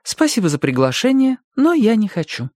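A woman's voice: sing-song, normal speed, dark tone, dry recording, clean studio sound. A man voicing a spirited, outspoken young ghost girl in an audiobook, with his voice lifted well above his own. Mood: insistent. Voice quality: raised, girlish pitch.

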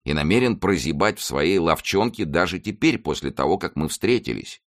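A man's voice: deep voice, animated, normal speed. A man doing a mocking veteran musketeer. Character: bold, mocking veteran musketeer, male, middle-aged.

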